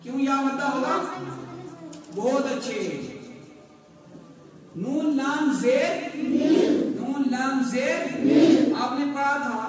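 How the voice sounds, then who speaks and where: A male teacher with a Pakistani Urdu accent, spelling out letters, chanting verses slowly and quizzing pupils by name in a classroom lesson. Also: very high-pitched, steady tone, over a noisy crowd. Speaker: Quran recitation teacher. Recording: echoey distant room with noise.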